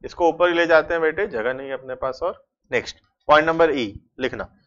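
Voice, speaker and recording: A man with an Indian accent teaching a commerce lecture, dictating notes slowly word by word and addressing students fondly. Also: fairly high pitch, a bit bright, dull audio.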